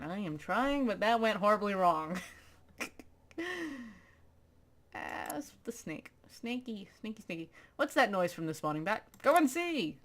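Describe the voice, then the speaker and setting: A woman's voice: lowish voice, fairly bright tone. A woman playfully reading a text adventure aloud, laughing often and adding dramatic flair to the lines. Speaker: gaming video host.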